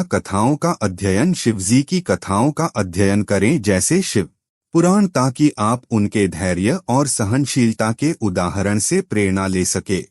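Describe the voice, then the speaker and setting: Lively, low-voiced male devotional narrator. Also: no echo, studio quality. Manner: measured, instructive list reading.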